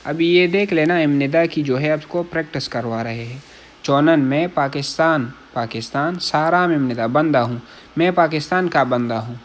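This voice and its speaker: A man from Pakistan, teaching Korean vocabulary in a casual lesson. He reads each word, repeats it, glosses it in Urdu and keeps checking that listeners follow. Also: a little high. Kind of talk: casual classroom-style lesson.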